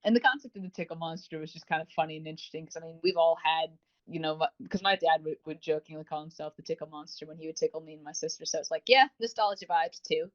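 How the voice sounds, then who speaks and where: Speaking quickly in a deep voice, a woman co-hosting a podcast gushes informally about the audio dramas she's reviewing. The audio sounds dull.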